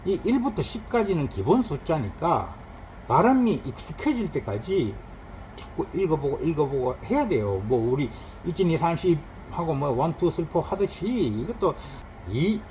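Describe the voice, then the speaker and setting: A man's voice: fairly high pitch, a little hiss or hum, rough recording. A man teaching a recorded Chinese grammar lesson, explaining patiently and drawing out spoken examples. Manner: lively explaining, drawn-out examples.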